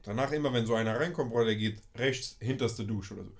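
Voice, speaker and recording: A young man tells a story in a casual podcast chat. He is animated and full of slang, and his voice sits in an ordinary middle pitch. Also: quick pace.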